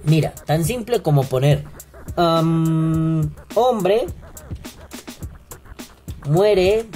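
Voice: medium pitch, mellow. Sarcastic Mexican-accented news vlogger. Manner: profane, sarcastic asides. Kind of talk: casual news commentary.

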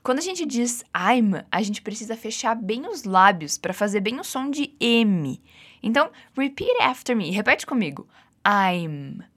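Brazilian lady teaching english, patient and encouraging, lively voice, bit higher. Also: unhurried, breathy edge. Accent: Brazilian Portuguese. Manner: patient, encouraging, drills repeats. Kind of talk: guided language lesson.

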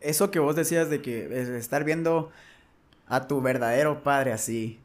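A man's voice: a little high, moderate pace. A man hosting an interview, dropping brief affirmations and asking long follow-up questions. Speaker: host. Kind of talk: interview conversation.

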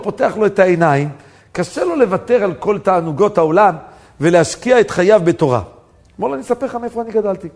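A man preaches a sermon, his husky, gravelly voice set fairly high. His pitch swings widely as he builds to emphatic, near-shouted points. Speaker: rabbi. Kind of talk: sermon with stories.

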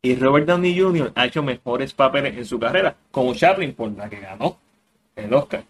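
A man's voice: medium pitch, expressive, fairly quick, slight background noise. A man co-hosting a casual podcast chat, opinionated and mixing English words into his talk. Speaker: podcast co-host.

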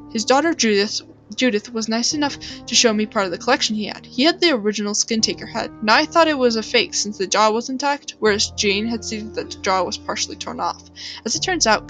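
A woman narrating a horror story aloud in a steady, solemn reading voice. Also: fairly high pitch.

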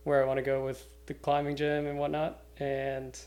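A man's voice: mid-range voice, monotone, moderate pace, darkish tone. A young man, chatting casually and informally as a podcast guest. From Cape Breton, Canada. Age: young adult. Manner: loose, informal, swears casually. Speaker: podcast guest, climbing route setter. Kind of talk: casual chat.

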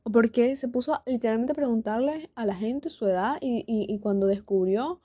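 Una joven con acento costarricense despotrica en un podcast casual, en solitario y con sarcasmo. Su voz es algo aguda, suelta comentarios rápidos al margen, y la grabación suena seca, sin eco. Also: female voice, a little high, warm tone, slightly rough, no echo. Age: young adult. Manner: sarcastic, rambling, quick asides. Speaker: podcast host. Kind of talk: casual solo podcast rant.

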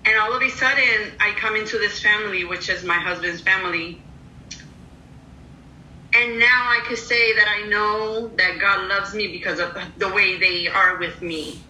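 A woman's voice: medium pitch, moderate pace, pushed and bright, a little hiss or hum. A woman in a book club group on a video call, sharing personally in an emotional, earnest way. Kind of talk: casual group discussion. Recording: echoey, distant video call.

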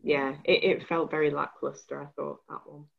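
A woman co-hosting a casual film review chat, talking in a wry, animated way. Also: deep voice, moderate pace, gravelly. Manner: wry, animated, mimics characters in quotes. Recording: dull lo-fi sound.

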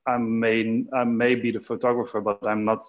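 A man's voice: mid-range voice, level tone, moderate pace, highs cut off. A photographer chatting casually over a video call, hesitant and restarting his sentences often. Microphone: headset.

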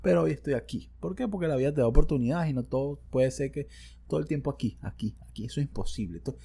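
A man's voice: mid-range voice, fast talker, gravelly, dark tone, husky. A man with a Venezuelan accent, hosting a casual solo podcast into a studio microphone, rambling and slangy with self-joking asides. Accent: Venezuelan Spanish. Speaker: podcast host.

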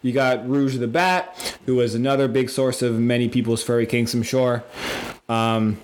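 A man in casual chat, rambling with lots of fillers and getting excited as he explains. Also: medium pitch, moderate pace.

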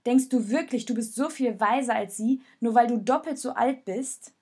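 A woman voicing a young boy, heated and scornful, in a storybook reading with a slightly breathy voice. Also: medium pitch, normal speed, natural voice. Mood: accusing. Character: boy named Jonas, young, mocking and accusing.

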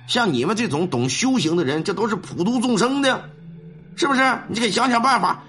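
A nervous middle-aged hospital director, as a storyteller puts him on, rushing his words and begging for help. The voice stays close to the storyteller's own bright tone, just a touch higher and quicker. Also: lively intonation, faint music behind. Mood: pleading. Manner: pleading, hurried.

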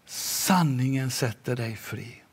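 Male preacher, slow and emphatic, goes almost to a whisper sometimes, mid-pitched. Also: slightly rough. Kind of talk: sermon.

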